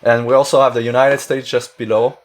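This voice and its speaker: A man's voice: medium pitch, flat delivery, a little fast. French-Canadian man musing over a deck. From Quebec, Canada. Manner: thinking aloud, frequent filler words and restarts. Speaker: streamer. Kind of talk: casual card-game deck commentary.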